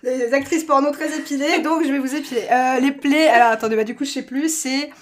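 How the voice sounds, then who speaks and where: A middle-aged woman with a French accent talks at a very quick clip. She is candid and chatty, in an informal interview style, drifting into asides and self-deprecating remarks. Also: high voice. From France. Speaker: interview guest, school educator. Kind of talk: animated informal interview talk.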